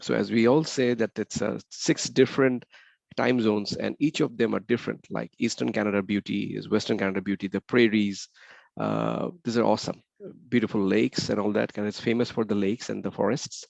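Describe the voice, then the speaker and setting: Mixing English and Bengali, a man gives a rapid slide presentation in a webinar, his gravelly voice fairly low and darkish with lively intonation. He repeats key points and poses rhetorical questions. The recording is dry, and the video-call computer mic makes it dull and slightly muffled.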